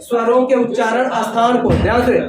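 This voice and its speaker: A man's voice: very high voice, steady tone, normal speed. A man teaching a classroom lesson, asking the class questions over and over and calling the students "bhaiya" and "children". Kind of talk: classroom lecture. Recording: echoey room, voice from far off, class noise behind.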